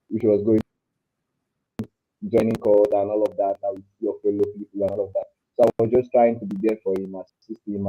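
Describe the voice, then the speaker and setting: A man's voice: on the low side, dull audio. A young man from Africa talking earnestly on a remote panel through a headset mic, his audio fuzzy with clipping distortion. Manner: earnest, halting, repeats his words. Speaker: panel guest. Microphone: headset mic on a call.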